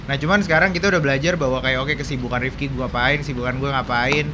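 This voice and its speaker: A man's voice: medium pitch, steady tone, fast talker, background noise. A man with a Jakarta accent hosting a podcast in casual, joking Jakarta slang, dropping in English words. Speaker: podcast host.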